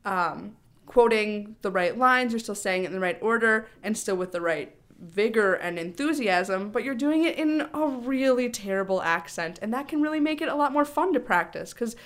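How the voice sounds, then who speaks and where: A woman's voice: fairly high pitch, normal speed. A woman speech coach co-hosting a podcast, chatting in an upbeat way with many fillers. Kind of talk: casual podcast chat.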